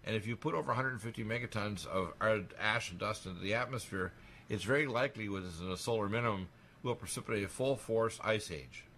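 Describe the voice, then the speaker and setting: A man talking on a radio talk show in a rapid, insistent monologue, emphatic and alarmist as he piles up claims. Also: fairly low pitch, fairly bright tone, slight background noise.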